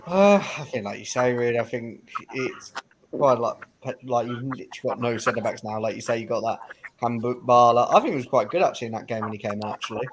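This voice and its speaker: A man's voice: mid-range voice, quick pace, a little hiss or hum, low-quality recording. A man on a football panel giving his view in a laid-back, rambling way. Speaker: panel guest. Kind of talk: casual football chat.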